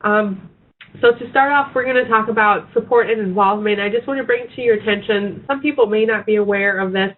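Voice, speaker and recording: A sick woman veterinary researcher with a raspy voice, presenting a webinar with hesitant ums and restarts. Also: mid-range voice. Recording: tinny phone-like webinar audio.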